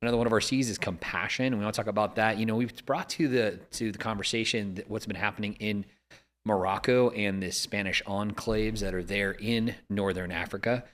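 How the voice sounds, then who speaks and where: A man hosting a casual discussion, talking in a measured, reflective way and often restarting his sentences. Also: fairly low pitch, steady tone, fairly bright tone. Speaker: podcast host.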